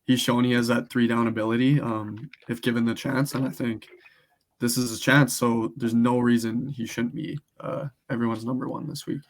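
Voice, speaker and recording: Man, sick and rough-voiced, monotone, low-key podcast co-host. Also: moderate pace. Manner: low-key, brief answers. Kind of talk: casual sports podcast chat.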